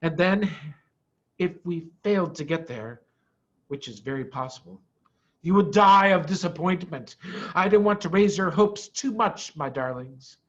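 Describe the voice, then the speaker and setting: A man voicing a proud, excitable father fox from a storybook, theatrical and emphatic. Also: on the high side, measured pace. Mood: teasing, fond. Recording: dull, muffled lo-fi audio.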